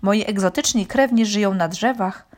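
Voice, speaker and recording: A woman voicing a calm, courteous male grass snake with a deep bass voice in a children's story. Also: moderate pace, lightly acted. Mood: calm polite.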